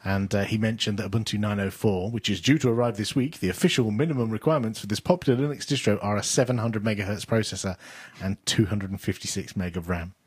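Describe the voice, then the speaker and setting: A man's voice: on the low side, fast talker, hardly any pauses, husky, dry recording. A man co-hosting a podcast, chatting casually and wryly with frequent chuckles and meandering asides. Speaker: podcast co-host. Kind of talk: casual retrospective chat.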